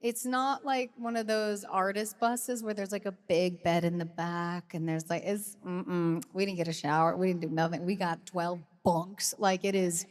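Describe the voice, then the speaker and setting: Animated woman telling tour stories. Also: lowish voice, moderate pace, hardly any pauses. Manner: animated, acts out quoted voices. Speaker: podcast co-host and singer. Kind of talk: casual podcast chat.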